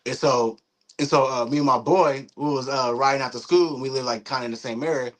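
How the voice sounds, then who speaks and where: A young man, a guest in a casual interview, telling a story in a lively, profane way, acting out what people said. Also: mid-range voice, fast talker, rough recording. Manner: animated, profane storytelling with acted-out quotes.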